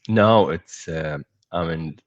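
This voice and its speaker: A man who is a guest on an interview over a video call speaks in a measured, reflective way, still in his morning voice. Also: sits low. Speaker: guest, startup founder. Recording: muffled video-call audio.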